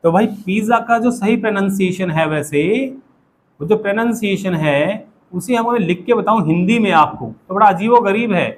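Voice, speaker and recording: A man with an Indian accent runs a spoken English class, speaking at normal speed in a high voice with slight background noise. He often puts questions to the class and has them repeat his lines.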